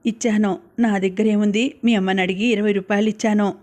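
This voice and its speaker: An elderly grandmother in an audiobook story, grieving and pleading through halting, tearful words, acted by a woman narrator. Her voice stays level and narrow in pitch. She talks at a middling height. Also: steady tone, darkish tone, natural voice. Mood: sorrowful.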